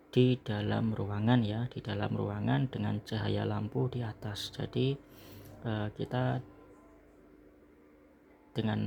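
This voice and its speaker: In a small indoor room, an Indonesian online seller casually explains a product while packing and reviewing it, often ending phrases with the confirming word "ya." His lowish voice is creaky and mellow, with slight background noise.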